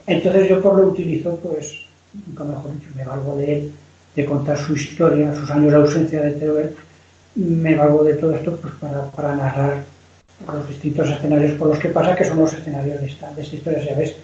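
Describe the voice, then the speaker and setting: In a loose conversation about history, a novelist from Spain wanders through his points, restarting frequently and repeating himself. He speaks briskly with a fairly high, steady voice that has a dark tone. The audio is muffled lo-fi in a room with echo.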